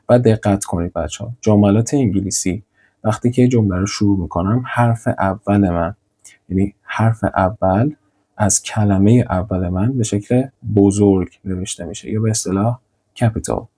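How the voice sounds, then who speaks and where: A young male teacher with a husky, mellow voice walks learners through English drills. He says each model sentence slowly and deliberately, then repeats it. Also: on the low side. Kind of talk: grammar lesson with slides.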